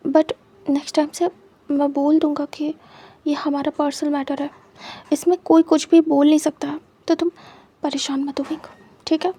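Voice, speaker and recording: A woman voicing a devoted young husband who speaks in a soft, hushed, reassuring way. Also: high voice.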